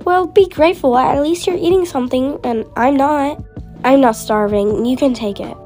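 Girl voicing a tired poor mother; high, apologetic, pleading; toy-game role-play. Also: moderate pace, darkish tone, soft background music, natural voice. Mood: weary.

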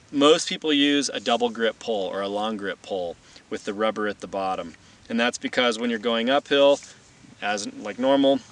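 Demonstrating gear informally, a man with a mid-range, fairly bright voice explains things in a plain-spoken, matter-of-fact style as instructor and presenter. Light background noise comes through a distant mic.

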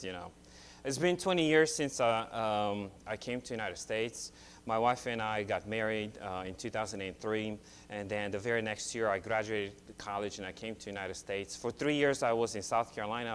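A Romanian man in his thirties, speaking with a Romanian accent in a lowish voice over slight background noise, delivers a guest sermon from a church pulpit. He's chatty and full of stories, restarting often and growing more excited.

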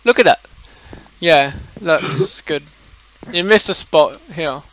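A man's voice: a little high, lively intonation, slow, a bit bright, a little hiss or hum, low-quality recording. A man hosting a casual gaming chat, teasing his guest in a dry way. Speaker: host gamer.

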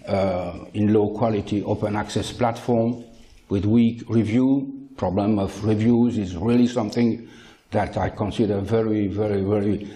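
An older man delivers a conference keynote into a handheld mic. His voice sits on the low side and sounds mellow and dark. He speaks in measured phrases, pausing often with a hesitant "uh" and stating plain opinions. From France. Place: lecture hall.

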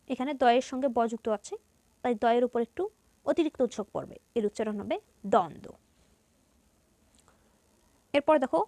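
A woman's voice: sits high, darkish tone, no echo. A woman with a Bangladeshi Bengali accent teaching a grammar lesson to students, going step by step and asking and answering her own questions.

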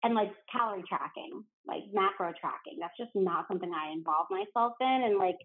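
A woman's voice: medium pitch, fairly quick. Jersey-raised woman guest, rambly and chatty, sounds like a thin phone line. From New Jersey. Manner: chatty, fills speech with "like". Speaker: podcast guest. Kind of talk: casual interview chat.

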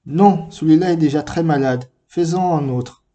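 A man's voice: a little high, moderate pace, dark tone, lightly acted. A man reading aloud, voicing a small, earnest, curious boy prince in a storybook reading. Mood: insistent.

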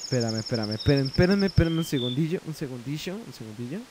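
A man's voice: medium pitch, expressive, quick pace, background noise. A man with a Mexican Spanish accent giving casual let's play commentary, muttering and swearing as he translates. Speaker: gameplay commentator.

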